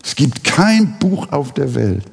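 A preacher voicing a hardened male convict who pleads in a rough, gravelly voice. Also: medium pitch, big pitch swings, takes it slowly, long reverb tail, slight background noise, pitched above the performer's own voice, full character voice. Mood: pleading. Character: hardened adult male convict in a prison cell.

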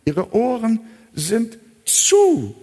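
A man preaching a sermon with a high, lively voice that leaps between loud urgent appeals and quiet low asides. He questions his listeners directly. His slightly husky voice rings with long reverb from a large hall. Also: drawn-out words.

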